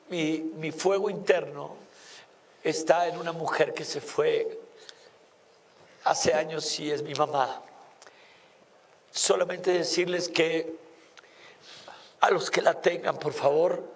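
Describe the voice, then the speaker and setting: A man hosting a reality show, giving a heartfelt, earnest talk by a campfire with many pauses. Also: fairly high pitch. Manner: slow, earnest, pausing often. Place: outdoors at a campfire at night.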